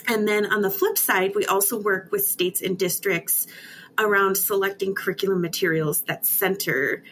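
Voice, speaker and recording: A middle-aged woman, a guest who leads an education nonprofit, explaining her work in a clear, organized way. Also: mid-range voice, normal speed, fairly bright tone, a little hiss or hum. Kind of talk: interview answers.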